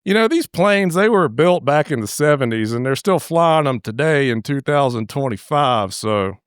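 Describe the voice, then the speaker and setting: A man's voice: mid-range voice, lively intonation, normal speed, smooth, dry recording, studio quality. A middle-aged man rambling through a crude, folksy movie recap, full of "uh" and asides. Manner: rambling, crude, down-home, lots of "uh". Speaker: channel host.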